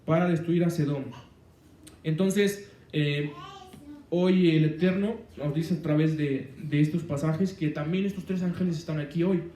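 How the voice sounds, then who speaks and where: A man's voice: fairly high pitch, steady tone, a little slow, dark tone, roomy sound, far from the mic. A man preaching a sermon on the weekly Torah portion, rambling, with many fillers and restarts.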